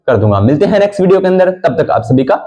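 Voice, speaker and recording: Male exam-prep teacher, a bit high-pitched, mellow, repeats and quizzes the class. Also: sing-song, rapid-fire, poor audio. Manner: repetitive, quizzes students and answers himself; rhythmic drilling of key points. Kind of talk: live online class lecture.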